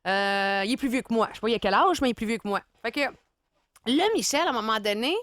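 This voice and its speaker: A woman's voice: on the high side, quick pace, fairly bright tone, dry recording. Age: adult. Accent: Beauce Quebec French. Sex: woman. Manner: chatty radio storyteller, laughs often. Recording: dry studio mic. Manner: chatty, laughing, acts out voices in her stories. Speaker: radio co-host.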